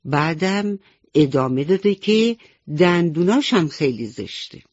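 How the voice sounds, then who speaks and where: A woman voicing a young rabbit who is quick to take offense, with a high, indignant voice in a children's radio story. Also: expressive, darkish tone, dry recording. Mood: angry. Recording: dull dry old radio recording.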